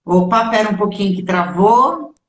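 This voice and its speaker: A woman's voice: medium pitch, lively intonation, moderate pace. A woman hosting a channel interview on a video call, speaking hesitantly with fillers and tag questions. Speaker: channel host. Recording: echoey room on a video call.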